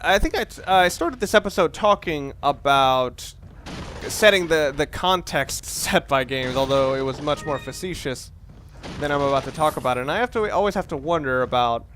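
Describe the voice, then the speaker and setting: Over gameplay footage, a let's play commentator talks at normal speed in a fairly high, animated, somewhat bright voice, with a little hiss or hum behind him. His commentary is casual and wry, and he rambles, often breaking off to start his sentences again.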